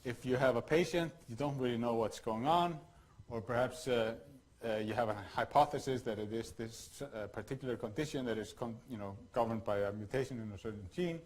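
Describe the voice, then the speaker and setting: A man from Iceland giving a workshop lecture, talking in a halting way with many fillers and restarts. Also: medium pitch, low-quality recording.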